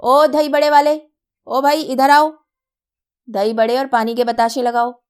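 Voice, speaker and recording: A woman's voice: medium pitch, steady tone, unhurried, clean tone, close to an everyday voice. A woman voicing a jovial, teasing young man who indulges his little nephew. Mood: calling out. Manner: playful, loud hawker calls.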